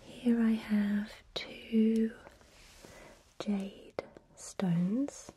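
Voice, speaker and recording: A woman speaking in a soft, breathy whisper, giving a calm ASMR tutorial as a spa technician. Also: on the high side, drawn-out words, a little hiss or hum.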